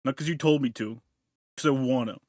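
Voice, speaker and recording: Brisk and mid-range with a darkish tone, a man streams from home, eating and chewing as he jokes crudely with chat into a desk mic with noise removal. The sound is clean and studio-like, with no room sound.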